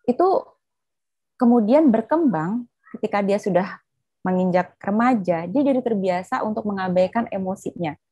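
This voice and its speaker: A woman's voice: medium pitch, mellow, no room sound, dull audio. A woman psychologist explaining to an interviewer, talking fluently with frequent "eh" fillers. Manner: fluent, with many "eh" fillers, acts out quotes. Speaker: psychologist guest.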